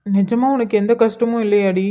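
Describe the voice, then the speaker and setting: A woman's voice: medium pitch, fairly even intonation, fairly quick, lo-fi sound, natural voice. A woman voicing Arjun, an apologetic young husband and new father in a cartoon, speaking in a subdued way. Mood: remorseful. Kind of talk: cartoon voice acting.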